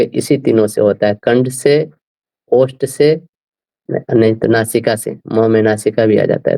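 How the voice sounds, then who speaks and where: A man explaining scripture to a class, slowly working through speech sounds and often asking his listeners whether they follow. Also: medium pitch, creaky, mellow, poor audio. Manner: slow, repeats "right?" often, spells out sounds. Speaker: scripture teacher.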